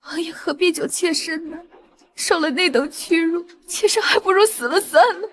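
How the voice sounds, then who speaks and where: Weepy young concubine, pleading and self-pitying, very high bright voice. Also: female voice, animated, normal speed. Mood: weeping. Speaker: prince's concubine.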